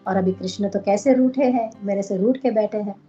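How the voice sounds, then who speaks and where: A woman's voice: mid-range voice, brisk, warm tone, soft background music, close to an everyday voice. A woman voicing a playful young goddess who teases and then coaxes her beloved, in a devotional story, on a dull lo-fi recording. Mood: coaxing. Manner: teasing, coaxing.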